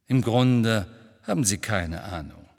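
A man reading an audiobook, voicing a restless grown man in hiding who reassures briskly with a bitter edge. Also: lowish voice, lively intonation, a little mellow, in a large hall, full character voice. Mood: tense, bitter.

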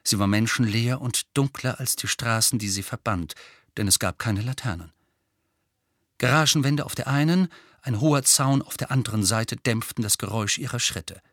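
A man narrating an audiobook with lively, expressive storytelling. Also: medium pitch, normal speed, no room sound, studio quality. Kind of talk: scripted narration.

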